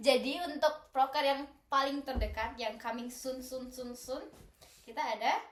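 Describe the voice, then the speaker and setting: A young adult woman with a high-sitting, unhurried voice chats casually and playfully as co-host of a student association podcast, in a casual group conversation. The indoor recording is roomy and echoey.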